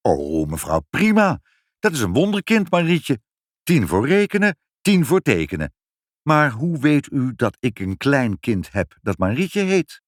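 A man voicing a fussy elderly male civil servant, a grandfather who talks gruffly and gets muddled, in a storybook reading. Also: medium pitch, wildly swooping pitch, unhurried, dry recording, studio quality, pitched above the performer's own voice. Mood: doting. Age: older. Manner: gruff, then doting and muddled.

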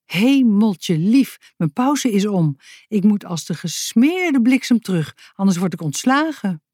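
A woman's voice: medium pitch, sing-song, a little slow, a little mellow, no echo, studio quality. A woman voicing a friendly, chatty man who cleans at a prison, in a children's story. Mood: hurried.

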